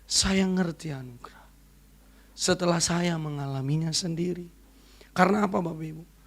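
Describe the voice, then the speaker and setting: A woman evangelist giving an emotional sermon testimony to a church congregation, swinging from loud to hushed. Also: fairly low pitch, moderate pace. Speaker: evangelist preacher. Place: church service.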